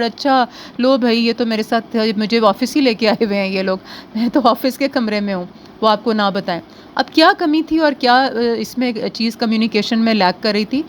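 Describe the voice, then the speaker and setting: A woman giving a training lecture on listening skills, switching between Urdu and English and speaking slowly and deliberately in English. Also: a little high, slight background noise, low-quality recording. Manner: slow and deliberate in English, quicker in Urdu, mixing both.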